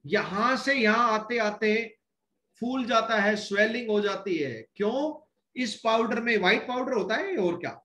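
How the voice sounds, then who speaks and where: A man with a high voice lectures on chemistry. He works through each step and keeps asking his students rhetorical questions. The sound is roomy and echoing, like a bare classroom. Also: bright, forceful tone. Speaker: chemistry teacher.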